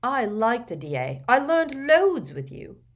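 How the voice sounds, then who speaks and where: A woman voicing an earnest, clumsy teenage boy wizard, talking loudly and eagerly. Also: fairly high pitch, sing-song, a little slow, voice pushed up.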